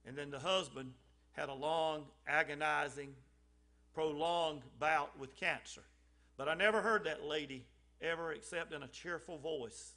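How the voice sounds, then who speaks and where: A lay speaker gives an informal church message at a measured pace, his fairly high voice pushed and bright with fairly even intonation. Conversational and folksy, he often says um or restarts, and he stresses key phrases more strongly.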